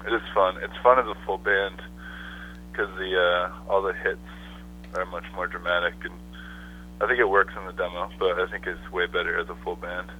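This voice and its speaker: A low-pitched man speaks over a muffled phone line. He chats in a relaxed, loose way as a guest, with plenty of fillers, and a faint hiss runs underneath. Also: normal speed. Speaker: songwriter guest. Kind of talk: casual phone interview.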